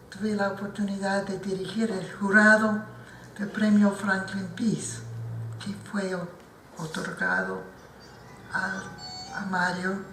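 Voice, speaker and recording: Recorded at a distance in a spacious institute lecture hall, an older woman gives a formal talk at a book presentation. Not a native Spanish speaker, she proceeds slowly and carefully, restarting often, in a medium-pitched, fairly bright voice over slight background noise.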